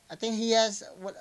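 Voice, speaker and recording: A Filipino man hosting a reaction video, talking casually in mixed Tagalog and English, pausing often and calling out to his viewers. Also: sits high, smooth. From Philippines. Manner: hesitant Taglish, keeps addressing viewers as guys.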